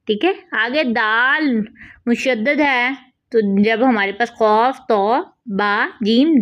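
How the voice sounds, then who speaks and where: Patient woman teaching tajweed, lo-fi. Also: fairly high pitch. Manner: patient, repeats "theek hai" between drawn-out demonstrations. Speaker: Quran recitation teacher. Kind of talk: tajweed lesson with demonstrations. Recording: dull lo-fi audio.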